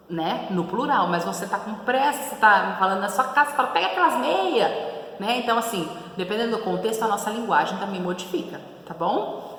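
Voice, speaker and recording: A woman teacher with a São Paulo accent giving a class, asking questions and answering them herself, checking in often. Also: mid-range voice. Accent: São Paulo Brazilian Portuguese. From São Paulo, Brazil. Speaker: schoolteacher. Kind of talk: recorded class lesson. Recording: very echoey roomy recording with faint noise.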